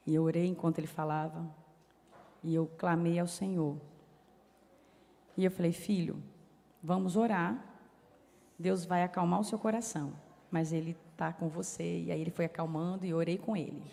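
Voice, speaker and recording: A middle-aged woman preaching a sermon, telling a personal story in an animated way and acting out the dialogue. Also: on the low side, vocal fry. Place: church hall. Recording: reverberant church hall.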